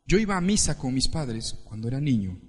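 A pastor from Ecuador preaching an animated sermon and calling on the congregation to repeat phrases after him. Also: male voice, medium pitch, fairly quick, slightly rough. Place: church hall with congregation. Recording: reverberant church hall.

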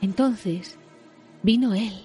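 A woman's voice: mid-range voice, takes it slowly, warm tone, faint music behind, natural voice. A woman voicing a frightened young hobbit who stammers and pleads, in a storybook reading. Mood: hushed, shaken.

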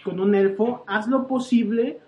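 A young man with a Mexican accent, co-hosting a comedy podcast and telling stories in an animated, playfully exaggerated way. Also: high-pitched, a little slow, lo-fi sound. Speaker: podcast co-host. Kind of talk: joking podcast banter.

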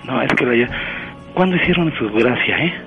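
A man's voice: medium pitch, lively intonation, a little fast, fairly bright tone, soft background music, low-quality recording. Angry man on the phone. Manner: angry, threatening, exasperated. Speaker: prank call target. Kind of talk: phone call.

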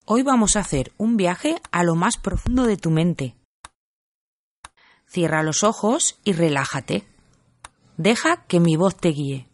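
A woman as a slow, soothing hypnotist. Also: lowish voice, lively intonation, no room sound. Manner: soft, slow, soothing delivery. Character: calm female hypnotist guiding a relaxation. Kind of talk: scripted guided-meditation sketch.

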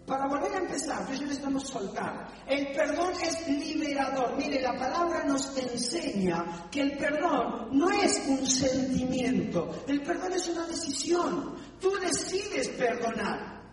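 A man's voice: extremely high pitch, a little slow, soft background music. A man preaching a sermon as pastor, mixing teaching with jokes and acting out quoted voices. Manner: animated, acts out quoted voices. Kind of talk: sermon with humor. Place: church hall. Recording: echoey hall from far off.

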